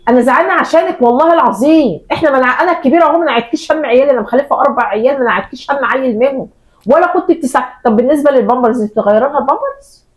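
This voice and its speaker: A reproachful eldest daughter, played by a woman in a family drama skit. She has a high voice and an Egyptian accent, and her complaints come out very fast. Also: natural voice, low-quality recording. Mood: indignant. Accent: Egyptian Arabic. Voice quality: indignant, reproachful. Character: resentful grown daughter, mother of four.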